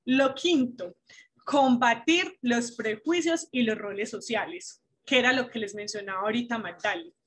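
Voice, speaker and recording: A woman's voice: fairly high pitch, husky. A woman giving an online talk to parents, explaining step by step and posing rhetorical questions. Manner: didactic, asks rhetorical questions.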